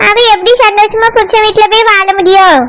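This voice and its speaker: Woman voicing a bossy old cartoon grandmother, Kanyakumari Tamil accent, very high voice, scolding and coaxing. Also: fairly even intonation, a little fast, fairly bright tone, slight background noise. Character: bossy elderly village grandmother. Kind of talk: cartoon voice acting.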